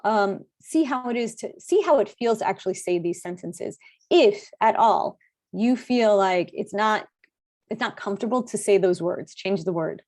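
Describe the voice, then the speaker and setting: A woman speech coach, teaching an online workshop in a clear, encouraging instructor tone over a video call. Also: mid-range voice, animated, moderate pace, darkish tone.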